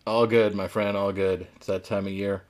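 A man with a slightly deep voice hosts a sports talk show. He speaks in a loose, conversational style. His points come out hedged and informal. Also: flat delivery, moderate pace, a little mellow. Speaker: sports podcast host. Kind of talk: casual sports discussion.

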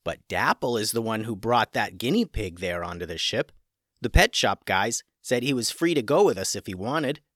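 An earnest young deckhand explains himself a touch defensively, as a man reading a storybook voices him. His speech rises and falls in a lively way, close and dry. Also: fairly low pitch, normal speed, no room sound.

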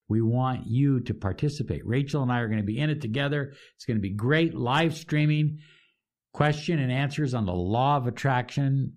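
A man hosting a motivational podcast, talking with enthusiastic, preacher-like emphasis and drawn-out phrases. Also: mid-range voice, warm tone, slightly rough. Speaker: podcast host and life coach. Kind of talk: upbeat motivational podcast talk.

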